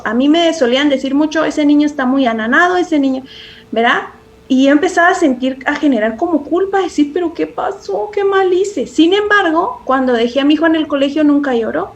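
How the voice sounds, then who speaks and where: A woman with a notably high voice talks through parenting in a podcast interview. She is earnest and reflective, often restarting phrases and tagging questions onto her points. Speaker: parenting guest expert.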